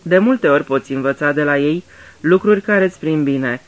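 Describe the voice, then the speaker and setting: A man's voice: fairly high pitch, lightly acted. A man voicing Poirot, a fussy, courteous older detective, in a radio drama reading, talking patiently like a teacher. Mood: patient explaining. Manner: polite, patient, explaining like a teacher.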